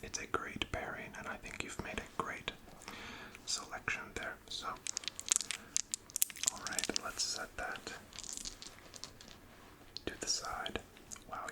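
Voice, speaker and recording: A whispered role-play in a breathy, unvoiced whisper, as a gentle, attentive shop assistant encouraging a customer. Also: poor audio. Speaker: ASMR performer playing a card shop assistant.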